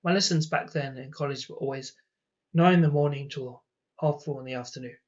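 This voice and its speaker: A man's voice: mid-range voice, a little fast, darkish tone, highs cut off. A young man casually telling rambling personal stories, acting out the lines of the people in them. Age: young adult. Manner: rambling, acts out quoted dialogue. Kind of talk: casual storytelling.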